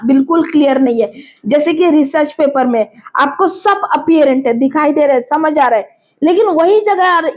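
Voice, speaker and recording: Woman teacher, high voice, repeats and checks understanding, lo-fi lesson recording. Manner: explains words with everyday examples, repeats terms, asks rhetorical checks. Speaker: English teacher. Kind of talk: exam-prep vocabulary lesson. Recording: slightly dull lo-fi audio.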